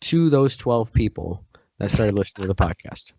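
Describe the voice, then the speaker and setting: A man's voice: on the low side, big pitch swings, moderate pace, vocal fry, a little mellow, no room sound, muffled recording. A man co-hosting a podcast, rambling and joking in casual chat on a new microphone. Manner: rambling, jokey, restarts often. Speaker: podcast co-host.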